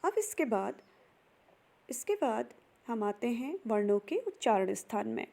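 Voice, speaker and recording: A woman's voice: a little high, big pitch swings, unhurried, creaky, dark tone. A young woman giving a recorded grammar lesson, spelling out sounds one by one. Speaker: teacher.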